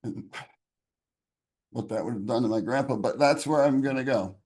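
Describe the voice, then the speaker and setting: A man's voice: mid-range voice, moderate pace, darkish tone, breathy edge. A man with a mid-range voice gives a raw, earnest personal testimony in an interview. He talks in a conversational way, with emotion running through his storytelling. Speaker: interview guest.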